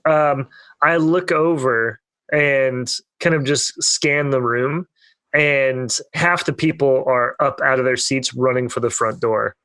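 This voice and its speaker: Speaking slowly in a sharp-toned, medium-pitched voice, this young male podcast co-host winds through a long story full of fillers. It's casual storytelling among friends, captured with no room sound.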